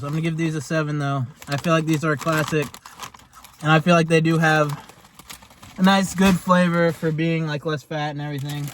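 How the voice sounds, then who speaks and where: Rambling man with a higher-pitched voice, casual review. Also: slight background noise. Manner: rambling, laid-back, hesitant phrasing with lots of "like". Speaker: snack reviewer hosting a taste test. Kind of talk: casual chat, food review.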